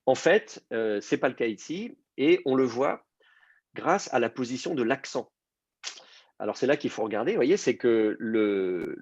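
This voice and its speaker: A man's voice: mid-range voice, darkish tone, dry recording. Man, teacher, explaining with restarts, dry sound, muffled call audio. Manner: explanatory, with many fillers and restarts. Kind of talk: online class on biblical Hebrew.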